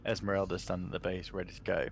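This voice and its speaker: A man's voice: sits low, flat delivery, racing, soft background music. A man narrating a tabletop game as game master, in a casual, descriptive way with fillers.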